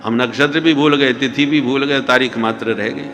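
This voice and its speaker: A man's voice: mid-range voice, steady tone, normal speed, fairly bright tone. A man telling a devotional religious story as a sermon, slipping into folk dialect for the characters and chanting refrains. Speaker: kathavachak. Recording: hall reverb with music.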